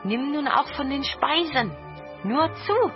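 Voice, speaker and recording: A woman voicing a crowd of eager, flattering horned goblins in a storybook reading, with a high, loud, coaxing manner. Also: a little slow, highs cut off, over music, lightly acted.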